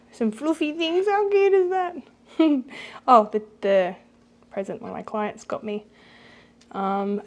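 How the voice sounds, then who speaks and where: A young woman giving a casual, rambling walkthrough of her baby's nursery at home, with lots of fillers. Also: medium pitch. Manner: chatty, rambling, many fillers. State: pregnant, with hiccups. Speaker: vlogger.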